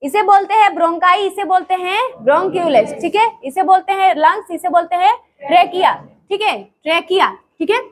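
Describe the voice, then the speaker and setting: A woman's voice: very high-pitched, moderate pace. A woman teaching a drawing lesson to a class, repeating each term and quizzing the students.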